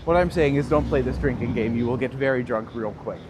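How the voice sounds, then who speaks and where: A man of about thirty-something with a Northern Ontario accent talks a little fast in a mid-range voice. Livestreaming as a tour guide on a city street, he chats and laughs while answering viewers, and faint traffic can be heard.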